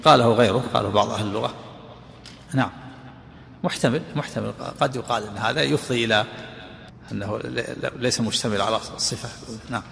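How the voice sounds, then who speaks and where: A man's voice: mid-range voice, fast, creaky, long pauses, a bit bright. An older man, a sheikh giving lesson commentary who interrupts the reader with questions and corrections. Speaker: sheikh explaining a text. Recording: reverberant hall with faint noise.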